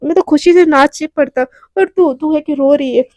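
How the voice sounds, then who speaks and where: A woman voicing an excitable, cheerful young college girlfriend who gushes in a storybook telling. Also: high voice, normal speed, dry recording, natural voice. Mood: excited. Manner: gushing, excitable.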